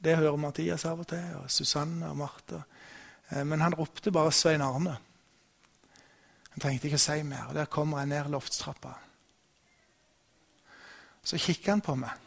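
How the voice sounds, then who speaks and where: A middle-aged male pastor with a slightly higher voice gives a sermon. He talks in a loose, storytelling way, often restarting his sentences. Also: fairly even intonation, gravelly, long pauses, fairly bright tone.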